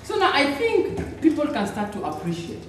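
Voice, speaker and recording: A man's voice: extremely high pitch, huge pitch swings, moderate pace, a bit bright, slight background noise. A middle-aged man with a Kenyan accent presenting a cooking demonstration as a chef, mixing English and Swahili and checking in with short tags. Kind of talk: live cooking demonstration, casual instruction. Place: hard-surfaced studio kitchen, indoors. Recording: echoey kitchen, distant mic, music.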